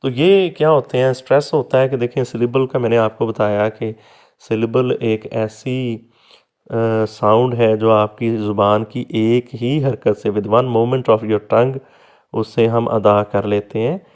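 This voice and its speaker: At a middle pitch and a very unhurried pace, a man teaches in a recorded lecture, affectionately addressing students as "beta." He walks through each step patiently and pronounces example words slowly. His tone is steady and a little mellow.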